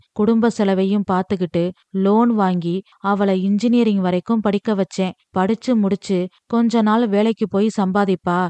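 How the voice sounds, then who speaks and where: A woman's voice: medium pitch, a little mellow, dry recording, natural voice. Woman voicing a bitter son fed up with debts. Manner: bitter, quick, exasperated protest. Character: angry grown son arguing over family debts.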